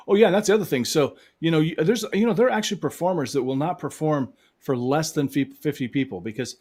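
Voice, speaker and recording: A man's voice: medium pitch, darkish tone. A man co-hosting a live online hypnosis show, chatting casually with lots of restarts and fillers over a video call. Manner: rambling, many restarts and fillers. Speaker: hypnotist co-host. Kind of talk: casual live-stream chat.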